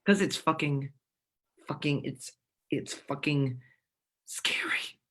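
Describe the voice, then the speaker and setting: A woman's voice: deep voice, big pitch swings, a little slow, bright, forceful tone, full character voice. A young woman reading the part of a flustered, stammering, indecisive young man in a live play reading. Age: young adult.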